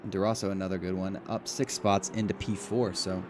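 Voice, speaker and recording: Over clear engine noise and the sounds of a race, a man commentates sim racing live in a casual, bantering style. He has a deep voice, delivers flatly, and talks a little fast.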